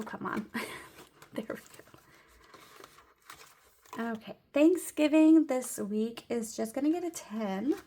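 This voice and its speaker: A young woman talks her way through her weekly cash budget, counting bills aloud with quick, chatty asides and frequent laughter. Her voice sits a little high and carries a gravelly fry, and she sounds slightly out of breath. Faint noise lies under the recording. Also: a little mellow. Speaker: budgeting vlogger. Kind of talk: casual budget vlog narration.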